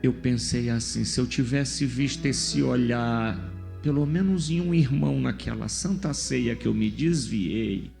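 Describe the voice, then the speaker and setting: A man's voice: medium pitch, measured pace, vocal fry, a little mellow, faint music behind. A man from in Brazil, a pastor preaching a testimony sermon and acting out the voices of the people in his story. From Maranhão, Brazil. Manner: storytelling, acts out the voices of others.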